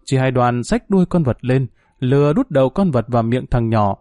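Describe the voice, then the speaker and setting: A man narrating a story aloud in a measured, grave reading. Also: medium pitch, lively intonation, dark tone, dry recording, clean studio sound, faint music behind.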